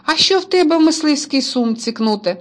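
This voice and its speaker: A woman's voice: sits high, lively intonation, fairly quick, voice pushed up. A woman voicing a small lost schoolboy in a storybook reading, pleading and whimpering. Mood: eager. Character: small lost schoolboy, whiny, know-it-all.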